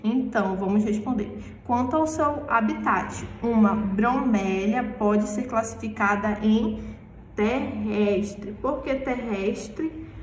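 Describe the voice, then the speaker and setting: A Brazilian woman teaching a primary class, asking questions and answering them herself while stretching the key words slowly. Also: fairly high pitch, a little hiss or hum. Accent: Brazilian Portuguese. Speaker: schoolteacher. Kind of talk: recorded remote class lesson. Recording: echoey room, voice far from the mic.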